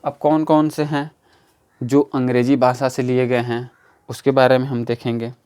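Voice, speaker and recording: A man teaches an exam-prep grammar lesson in a voice of ordinary pitch. He talks slowly and patiently, repeating each key term several times and explaining step by step. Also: flat delivery, a little mellow, clear, resonant tone. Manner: slow, repetitive, explaining step by step.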